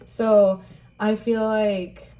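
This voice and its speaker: Very slowly and with a flat delivery, a young woman from Rockford, Illinois, USA, recalls her life story during an interview. Her voice is medium-pitched and dark, and her casual speech is hesitant, full of fillers like "um" and "like."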